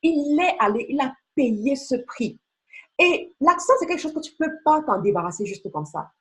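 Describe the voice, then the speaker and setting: A beauty sales team leader and trainer delivers a motivational sales talk in a high, slightly bright voice with big pitch swings at a normal speed. She's emphatic and coaxing, speaking straight to the listener and throwing out rhetorical questions.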